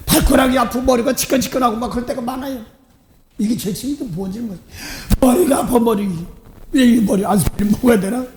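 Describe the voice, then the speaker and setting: A man's voice: very high-pitched, a little fast, reverberant, a little hiss or hum. A middle-aged male pastor preaching a dawn service sermon, telling a personal story with acted-out voices and frequent laughs. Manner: animated storytelling, acting out voices; self-deprecating, laughs often. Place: church sanctuary.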